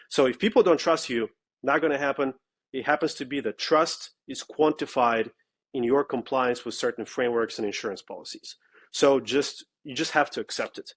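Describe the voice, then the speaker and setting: Guy, founder, blunt, keeps tossing in "okay?", normal pitch. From Russia. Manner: blunt and emphatic, with frequent "okay?" asides. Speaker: startup founder and guest. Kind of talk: casual interview talk.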